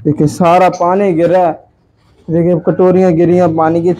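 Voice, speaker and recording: A man's voice: high voice, flat delivery, normal speed. A man from Pakistan, vlogging casually about his birds in an indoor aviary and complaining in frustration. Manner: exasperated, complaining chatter. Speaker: bird keeper vlogger. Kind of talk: casual vlog narration. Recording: noisy aviary with bird squawks. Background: birds chirping and squawking.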